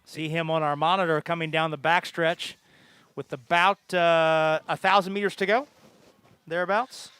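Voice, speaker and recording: A man giving live sports commentary on a track meet, measured and informative, pausing between facts. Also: a little high, fairly even intonation, bright, forceful tone, clear, resonant tone, no echo.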